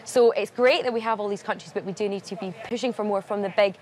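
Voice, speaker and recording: A woman's voice: mid-range voice, fast. A young woman, a climate campaigner speaking earnestly and articulately in a live news interview at a summit. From Glasgow, Scotland. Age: young adult. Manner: earnest, steady and articulate, stressing urgency. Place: at a large climate summit venue.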